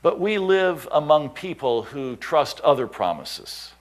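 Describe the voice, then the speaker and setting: This fairly high-pitched man from the United States speaks a little slowly as he tells stories in a sermon. The missionary pastor brings his tales to life, chuckling and performing the voices of the people he quotes.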